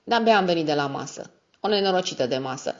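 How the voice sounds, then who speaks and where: A woman voicing a drunk, burly, unshaven man who talks in gruff, blunt outbursts. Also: fairly low pitch, expressive, darkish tone, close to an everyday voice. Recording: dull lo-fi audio.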